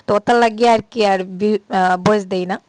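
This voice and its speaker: A woman's voice: medium pitch, fairly even intonation, quick pace, a little mellow, smooth, dry recording. A middle-aged woman with a Sylheti Bengali accent, chatting unhurriedly as a vlogger with frequent "ah" fillers. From Sylhet, Bangladesh. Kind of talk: casual vlog narration.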